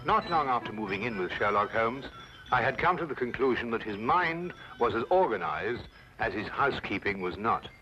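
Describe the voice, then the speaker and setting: An actor playing an earnest, loyal British doctor, proper in manner, in an old-time radio drama. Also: male voice, medium pitch, big pitch swings, normal speed, dull audio, over music, close to an everyday voice. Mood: reflective narration. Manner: proper, earnest, readily indignant. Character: earnest, loyal male doctor, detective's easily astonished companion.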